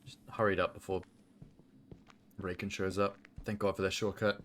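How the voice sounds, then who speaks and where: A man's voice: sits low, flat delivery, moderate pace, fairly bright tone, slight background noise. A man giving casual, nervous commentary to himself while playing a horror game. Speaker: video game streamer.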